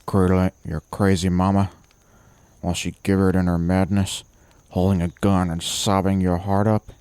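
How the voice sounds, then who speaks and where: A cruel, sneering ghost of an old man, as a male storyteller puts him on, low and dark in tone. He mocks and barks at the listener in a horror audio story, with the voice sitting dry and close. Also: little pitch movement, moderate pace, clean tone, no room sound, lightly acted. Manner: mocking, scornful, barking.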